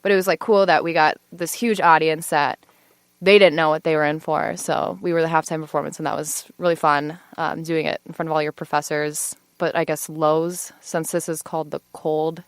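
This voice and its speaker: A woman's voice: low voice, flat delivery, moderate pace, clean tone, dry recording. A woman in her twenties, a law student, chatting as a podcast guest with lots of fillers and easy laughs. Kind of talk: casual podcast interview.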